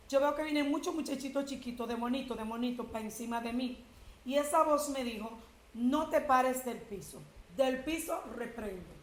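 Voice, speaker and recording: A woman's voice: on the high side, slight background noise. Woman, preacher, personal testimony, storytelling, emphatic, echoey room. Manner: storytelling, emphatic quoted speech. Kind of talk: sermon testimony.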